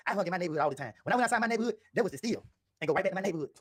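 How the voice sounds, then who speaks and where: A man in an interview, telling his story in a defensive, insistent way with a husky voice. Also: sits high, animated, rapid-fire.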